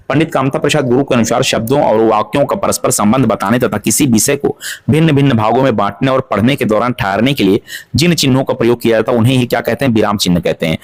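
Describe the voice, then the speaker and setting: A man teaching an exam-prep grammar lesson, asking questions and answering them himself to drill each point. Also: mid-range voice. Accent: Hindi-speaking North Indian.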